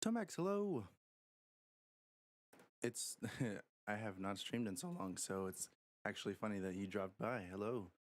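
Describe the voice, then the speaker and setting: A man's voice: lowish voice, expressive, a little slow, long pauses. A man casually commentating a live game stream, rambling and thinking aloud as he talks to his viewers.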